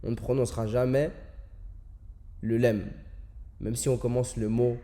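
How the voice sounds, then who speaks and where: A man leads an Arabic lesson with a mellow, warm voice pitched in an ordinary middle range. He explains patiently, repeating the example words and drawing them out slowly so each sound can be heard. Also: steady tone. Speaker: Arabic teacher.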